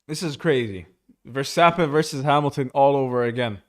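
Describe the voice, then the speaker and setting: A young man streaming live, giving casual, excitable commentary on a motor race and saying "bro" a lot. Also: medium pitch, fairly quick.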